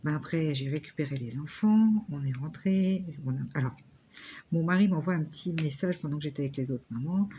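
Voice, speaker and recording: A woman's voice: sits low, brisk, mellow, muffled recording, a little hiss or hum. A woman in her thirties chatting casually and rambling with lots of fillers while she crafts at home. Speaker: vlogger.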